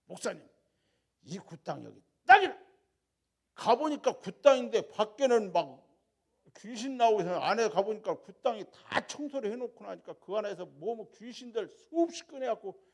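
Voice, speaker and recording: A man, a church deacon, telling a lively testimony at a prayer meeting, going from loud to soft. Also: high voice, normal speed. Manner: animated storytelling that swings between loud and soft.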